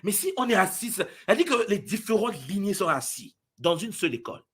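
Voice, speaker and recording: A man addressing spiritual followers, jumping between booming exclamations and low asides, often acting out other people's voices. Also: big pitch swings, brisk, fairly bright tone, breathy edge. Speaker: spiritual teacher.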